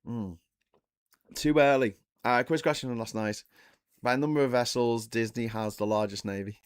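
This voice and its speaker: A man's voice: mid-range voice, steady tone, normal speed, clean tone, no echo, studio quality. A man in his forties hosting a casual live stream, rambling through trivia, correcting himself often and talking to his chat. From England. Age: 40s. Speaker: livestream host.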